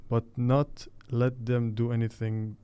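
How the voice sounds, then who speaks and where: A man's voice: mid-range voice, little pitch movement, unhurried, mellow, clear, resonant tone. A man chatting casually on a radio show, offering motivational sayings and answering his own questions in non-native English. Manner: gives motivational sayings, asks and answers himself. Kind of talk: casual chat.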